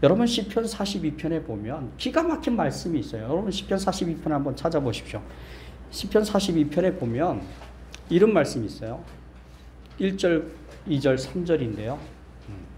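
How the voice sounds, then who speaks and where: A man's voice: fairly high pitch, very animated, a little fast, a little mellow, a little hiss or hum. A male pastor preaching a sermon in a small church, quizzing the congregation and joking with them, then building to emphatic, insistent peaks. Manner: asks the congregation questions and jokes with them.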